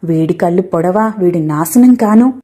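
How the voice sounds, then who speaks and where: A woman narrator voicing a spiteful village woman who curses and taunts loudly. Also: moderate pace, natural voice. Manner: shrill scolding, cursing.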